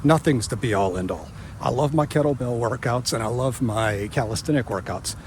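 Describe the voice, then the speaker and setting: A fitness vlogger in his fifties talks casually to camera while exercising outdoors along a walking route, winded and out of breath, speaking with a missing front tooth. His voice is medium in pitch with a darkish tone, at a normal speed. Outdoor noise and passing vehicles can be heard.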